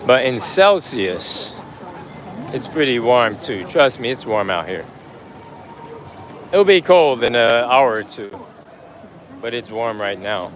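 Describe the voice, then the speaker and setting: A man's voice: medium pitch, expressive, takes it slowly, pauses often, noisy background. Laid-back man vlogging live outdoors. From United States. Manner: laid-back, rambling, greets chat viewers by name. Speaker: livestream vlogger. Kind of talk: casual live-stream chat while walking. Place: outdoors on a busy city street. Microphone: handheld phone on a gimbal.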